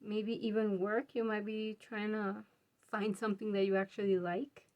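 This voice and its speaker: A woman's voice: mid-range voice, level tone, normal speed, dull audio. A woman giving a casual pick-a-card tarot reading, chatty and musing aloud, laughing often and a bit out of breath. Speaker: tarot reader.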